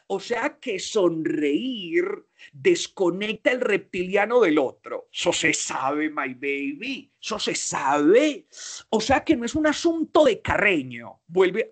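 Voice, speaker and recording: A man with a Colombian accent giving a motivational talk in a playful, slangy way, asking himself questions and answering them. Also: high voice. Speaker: speaker.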